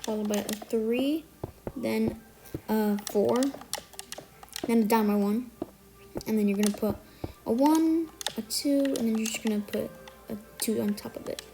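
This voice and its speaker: Under a bed of music, a tutorial maker who's a bit under the weather explains a build step by step, counting blocks and correcting minor mistakes. The mid-range voice is gravelly and unhurried, broken up by long pauses.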